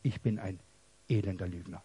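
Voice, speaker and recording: Husky man giving an emotional testimony. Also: sits low, fairly even intonation, normal speed. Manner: emotional, dramatic swings between hushed and loud. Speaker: preacher. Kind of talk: personal testimony sermon.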